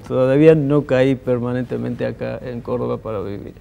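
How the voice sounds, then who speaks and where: A man's voice: mid-range voice, steady tone, normal speed, gravelly, warm tone, a little hiss or hum. A man in his thirties from Armenia, a guest musician in a TV studio interview, speaking on a lapel mic with many fillers and restarts.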